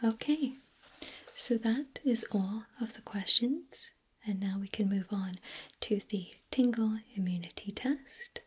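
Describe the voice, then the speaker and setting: Slow, breathy whispering woman, ASMR role-play. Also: mid-range voice. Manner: slow, gentle, softly questioning. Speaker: ASMR performer playing a clinic examiner.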